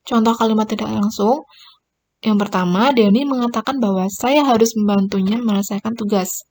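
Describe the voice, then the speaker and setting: A woman's voice: mid-range voice, a little fast, darkish tone. A woman teacher giving a recorded grammar lesson, explaining each point and pointing at examples on screen. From Indonesia.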